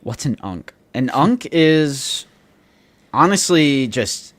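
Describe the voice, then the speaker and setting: A man's voice: medium pitch, takes it slowly, dry recording. A man in his twenties co-hosting a casual collectibles podcast, chatty and loose. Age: 20s. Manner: relaxed, chatty, lots of "like". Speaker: podcast co-host. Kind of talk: casual chat.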